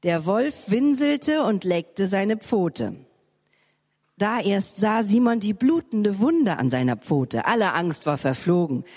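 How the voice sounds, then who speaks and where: Woman reading a story, slow and lively. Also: mid-range voice, husky, big-room sound. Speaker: storyteller in a church service. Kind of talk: reading a children's story aloud.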